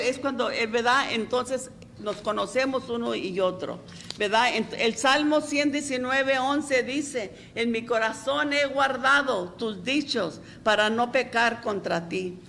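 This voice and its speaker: A woman's voice: on the high side, fairly bright tone, slight background noise. A middle-aged woman pastor, preaching a folksy, chatty sermon and often asking "¿verdad?".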